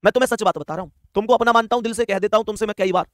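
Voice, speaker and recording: A man's voice: high-pitched, very fast, no echo, clean studio sound. A man teaching an online exam math lesson, emphatic and coaxing, repeating key points and urging viewers to reply.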